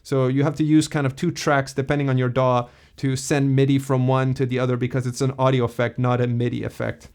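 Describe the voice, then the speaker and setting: Relaxed man explaining music software. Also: medium pitch, a little fast, hardly any pauses, clean tone. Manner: relaxed, explanatory, uses fillers like "kind of". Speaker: tutorial host. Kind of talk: casual software tutorial.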